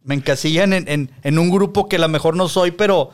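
A man's voice: fairly high pitch, a little fast. A Mexican man, likely in his forties, chatting casually as a podcast co-host, telling stories with slang and swearing. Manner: relaxed storytelling with slang and swearing. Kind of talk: casual chat.

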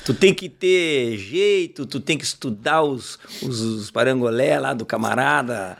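A man's voice: medium pitch, a little slow, vocal fry. A man with a southern Brazilian gaúcho accent hosting a casual interview, reacting with enthusiastic exclamations. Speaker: podcast host.

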